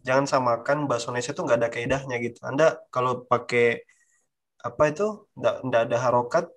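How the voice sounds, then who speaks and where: A man's voice: mid-range voice, brisk, a bit bright. A man in a panel discussion, explaining firmly and repeating phrases for emphasis.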